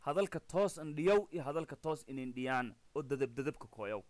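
A man with a Maay Somali accent teaching an English lesson. He reads the text aloud, then explains each word slowly and spells some of them out letter by letter. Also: medium pitch, animated, a little mellow, dry recording. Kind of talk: recorded language lesson explaining and translating a text.

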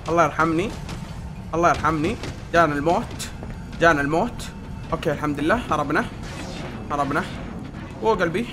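A man giving excited commentary on a horror game, shouting, jumpy and mixing in English words. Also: on the high side, noisy background. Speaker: gaming YouTuber playing a horror game. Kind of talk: excited let's-play commentary.

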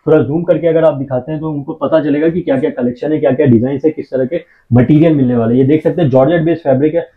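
A man showing fabrics in a shop, giving a steady sales pitch and repeating his phrases. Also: racing, hardly any pauses. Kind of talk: showing products on camera. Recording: tinny phone-like sound.

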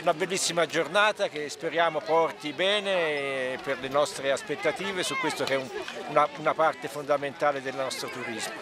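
A man speaks outdoors in a formal, official-sounding way with a slightly raised pitch. A loud crowd is heard all around him. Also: normal speed. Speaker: interviewee. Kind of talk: outdoor interview.

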